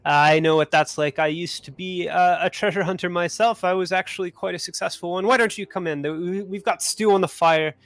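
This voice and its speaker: A man's voice: high-pitched, fairly even intonation, fairly quick, few pauses, a bit bright, dry recording. A man voicing a charming, lean woman innkeeper in a tabletop game, coaxing and stammering over his words. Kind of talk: game master voicing a character.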